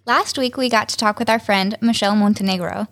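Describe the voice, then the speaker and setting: A woman's voice: mid-range voice, brisk, fairly bright tone. A woman co-hosting a church missions podcast, opening the episode in a friendly, straightforward way. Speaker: co-host. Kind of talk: scripted show opening.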